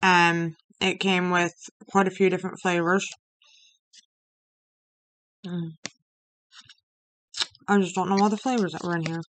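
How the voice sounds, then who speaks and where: A woman in her thirties chats casually to camera while eating sour candy, talking in short, halting bits with mumbled asides. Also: on the low side, flat delivery, fairly bright tone, dry recording. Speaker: vlogger reviewing candy. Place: small room indoors. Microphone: webcam or laptop mic at arm's length. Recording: noisy webcam audio with clicks.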